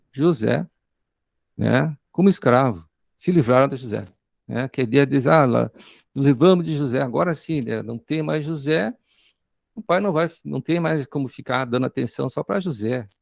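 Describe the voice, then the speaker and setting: A male preacher with a Brazilian accent and a strongly gravelly, fried voice delivers a sermon, reading scripture and unpacking it phrase by phrase. He keeps checking in with his listeners through short tag questions. The recording is dry and close, with little room sound. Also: medium pitch, a little mellow, no echo. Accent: Brazilian Portuguese. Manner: tags nearly every phrase with "né?" and "amém?"; reads scripture aloud and then explains it slowly.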